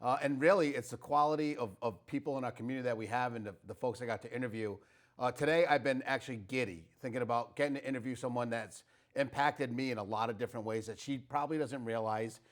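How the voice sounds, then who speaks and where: A man's voice: medium pitch, quick pace. A man hosting a local community talk show, chatty and rambling, with frequent fillers and restarts. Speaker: host. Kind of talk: casual interview.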